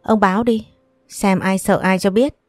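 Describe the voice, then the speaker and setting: A woman's voice: mid-range voice, steady tone, moderate pace, dry recording, soft background music, close to an everyday voice. A woman voicing a menacing male debt-collector thug who barks threats in a storybook reading. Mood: threatening. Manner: shouting threats, brash.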